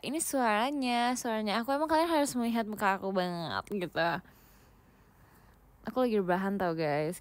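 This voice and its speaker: A woman's voice: fairly high pitch, a bit bright, no echo. A young woman from Indonesia chatting casually with viewers on a livestream, playful and giggly, mixing in English words while lying down at home. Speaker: idol livestreamer.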